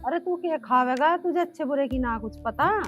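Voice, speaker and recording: A bossy older mother-in-law from a village film drama, barking orders in a Haryanvi accent. Her voice sits high for a woman, with soft background music underneath. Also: normal speed, highs cut off. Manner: scolding, blunt and commanding.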